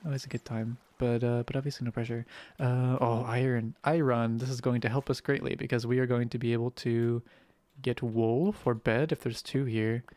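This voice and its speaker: Hoarse, rambling gaming streamer. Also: medium pitch, steady tone, moderate pace, dry recording. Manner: rambling, swears freely, chats with viewers; speaks gently to spare the voice. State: hoarse, roughed-up voice. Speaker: game streamer. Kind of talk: casual live-stream gameplay commentary.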